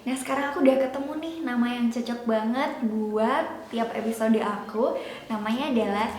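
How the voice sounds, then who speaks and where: A Javanese woman from Indonesia in her twenties chats casually as a YouTube vlogger, explaining things as she goes. Her voice is fairly high and darkish, at a moderate pace. The echoey room has background music and slight background noise.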